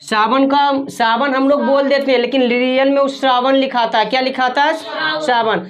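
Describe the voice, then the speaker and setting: A woman's voice: high-pitched, fairly even intonation, normal speed. A woman teacher giving a classroom grammar lesson, who asks her students questions and repeats their answers back.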